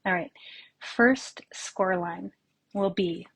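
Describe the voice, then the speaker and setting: A woman's voice: medium pitch, slow pace, vocal fry, a bit bright, slightly rough, low-quality recording. A woman from Canada hosting a casual live papercraft tutorial from her home craft room, chatty and rambling, greeting viewers by name and slightly out of breath.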